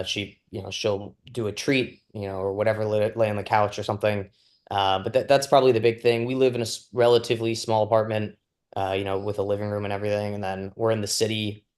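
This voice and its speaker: A man who fosters a dog, talking casually over a video call in a rambling, hesitant way full of fillers. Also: on the low side. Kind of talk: casual chat.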